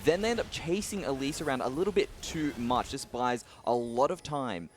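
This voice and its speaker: A man's voice: mid-range voice, faint music behind. A man breaking down esports replays at speed, piling on fillers as he walks through the plays. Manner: fast, filler-heavy play-by-play breakdown. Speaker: esports analyst.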